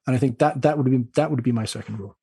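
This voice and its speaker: A middle-aged man with an Irish accent and a slightly husky voice, speaking quickly and anecdotally as a doctor being interviewed. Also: medium pitch, dark tone, dry recording, clean studio sound. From Ireland. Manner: fast-talking, anecdotal. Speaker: doctor, podcast guest. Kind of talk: conversational interview.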